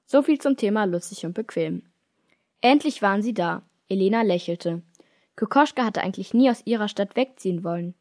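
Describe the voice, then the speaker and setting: Brief: woman from Germany, reads her own kids' story, lively, plays the characters. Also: mid-range voice, a little fast. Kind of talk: reading a children's story aloud.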